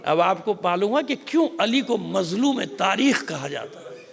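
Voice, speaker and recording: A Pakistani-accented man preaches a mourning sermon in a large mosque hall, his fairly high voice rough with gravel. He tells the story with drama, rising to loud cries and sinking to whispers. Long reverb trails behind every phrase. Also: sing-song. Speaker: cleric.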